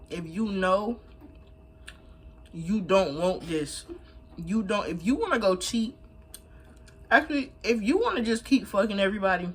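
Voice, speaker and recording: A young mukbang vlogger dispenses blunt, emphatic advice in slang while eating and chatting casually. Her fairly low voice has a breathy edge.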